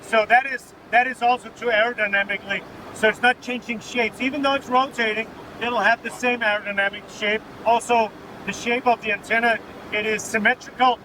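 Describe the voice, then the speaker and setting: A man's voice: very high voice, fairly even intonation, fairly quick. A man with a Danish accent explaining technical matters informally in an interview, matter-of-fact, as a pilot. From Denmark. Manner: matter-of-fact, often adding "right?" as a tag. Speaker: military pilot being interviewed. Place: inside an aircraft cockpit in flight. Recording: loud vehicle drone behind the voice. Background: aircraft engine and air noise.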